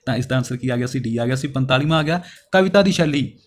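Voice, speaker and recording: A man's voice: medium pitch, animated, fast. A man teaching as an exam-coaching teacher, walking through past paper questions one by one and often answering his own questions. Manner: addresses viewers as friends. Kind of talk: exam question walkthrough lesson.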